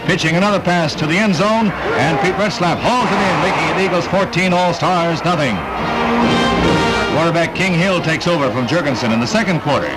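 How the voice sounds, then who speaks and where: A man's voice: on the high side, rough recording. Man narrating an old newsreel. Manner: brisk, punchy play-by-play delivery. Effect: old newsreel recording. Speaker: newsreel announcer. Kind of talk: 1960s newsreel sports narration. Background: loud music.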